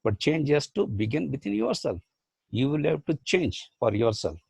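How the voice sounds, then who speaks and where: A man with an Indian English accent, whose first language is Badugu, gives a motivational online lecture as a professor. His voice is gravelly and a little husky, recorded close and dry. He builds his points through rhetorical questions and repeated phrases. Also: a little high, sing-song, moderate pace, darkish tone, dry recording. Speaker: professor and life skills trainer.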